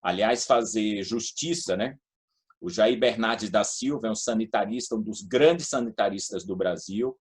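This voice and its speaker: A former official in public housing and utilities, now an interview guest, chats casually and shares anecdotes in a São Paulo state Brazilian accent. He is middle-aged or older, with a fairly low voice, an unhurried delivery, and a breathy edge.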